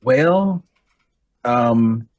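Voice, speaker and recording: A man at a tabletop game who speaks slowly and hesitantly, with lots of uhs and ums between his words. His pitch is in the middle for a man. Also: lively intonation, darkish tone, no room sound. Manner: slow and hesitant, many uhs. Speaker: player. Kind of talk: casual game chat.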